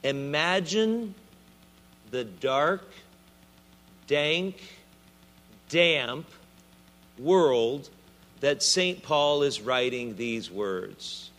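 Southern US male bishop, sermon, bright voice, very slow and deliberate delivery. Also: a little high. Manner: expressive preaching with playful asides.

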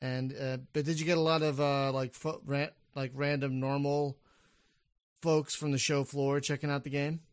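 A man's voice: mid-range voice, level tone, moderate pace, no echo. A man hosting a casual podcast interview, chatty and upbeat, often restarting his sentences. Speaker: podcast host.

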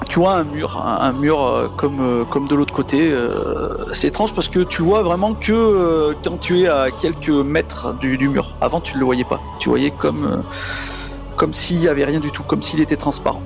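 A man improvising tabletop game narration as game master, in a hesitant, halting way, with music behind him. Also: fairly high pitch, creaky.

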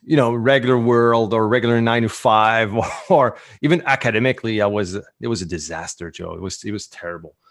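A man with a French Canadian accent, a native French speaker, talking casually as an interview guest in an informal, halting way. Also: on the low side, no room sound. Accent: French Canadian (Quebec French).

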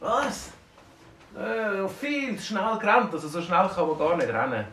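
A man doing a bossy shouting policeman. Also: high-pitched, unhurried, pitched above the performer's own voice. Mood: stern. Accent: Swiss German. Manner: barking orders. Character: stern male police officer, bossy. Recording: roomy, distant mic, faint noise.

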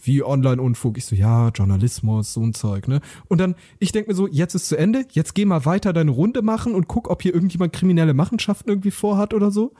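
A young man co-hosting a comedy podcast, telling a story in casual chat and acting out the dialogue, with a husky voice. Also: high voice, fast, few pauses, dark tone. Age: young adult. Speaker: podcast co-host.

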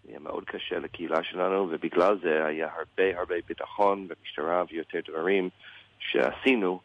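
A man with an American English accent in Hebrew, a native English speaker, answers a radio interview as a rabbi, haltingly searching for words. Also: low-pitched, steady tone, creaky, no echo, muffled recording.

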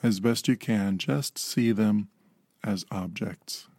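A man in his fifties gently guiding a slow mindfulness meditation, calm and unhurried with long pauses. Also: on the low side, slightly rough, no room sound, clean studio sound. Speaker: meditation guide.

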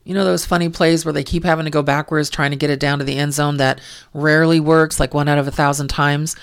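A woman's voice: low-pitched, flat delivery, quick pace. A woman hosting a sports talk show, giving opinionated, exasperated football commentary with sarcastic asides. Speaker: sports podcast host. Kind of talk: casual football commentary monologue. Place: lives in California.

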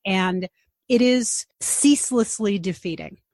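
A woman's voice: mid-range voice, measured pace, a little mellow, dry recording. Woman, close and dry. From Long Island, New York. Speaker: interviewer, genealogist. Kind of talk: conversational interview.

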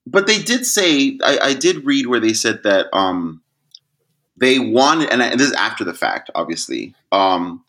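A young man co-hosting a podcast in casual chat, animated and jumping into high, loud voices when he mimics other people. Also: unhurried. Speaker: podcast co-host.

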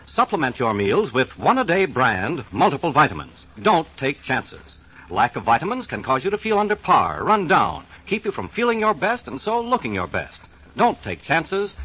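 A man's voice: a little high, bright, forceful tone, breathy edge, dull audio. A man working as a 1940s radio announcer, reading scripted copy with polished, emphatic salesmanship on an old broadcast recording.

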